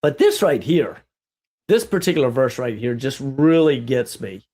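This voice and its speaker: A man leading an animated Bible study discussion, asking rhetorical questions and exclaiming often. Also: mid-range voice, normal speed, slightly rough. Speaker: livestream Bible teacher.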